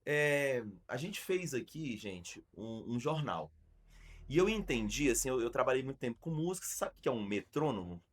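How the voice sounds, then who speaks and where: An animated Brazilian man hosts a casual podcast chat in a studio. He talks at a mid pitch for a man, stresses his points hard and often stumbles and restarts mid-sentence. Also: normal speed. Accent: Brazilian Portuguese. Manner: animated, emphatic storyteller with frequent restarts. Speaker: podcast host and arts school founder.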